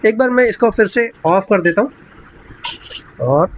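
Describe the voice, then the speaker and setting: Man calmly demoing a gadget. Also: high-pitched, a little hiss or hum. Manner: unhurried, explains step by step, addresses viewers as bhai. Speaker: tech reviewer vlogger. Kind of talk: casual product demo review. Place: indoor room. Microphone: wireless clip mic into phone.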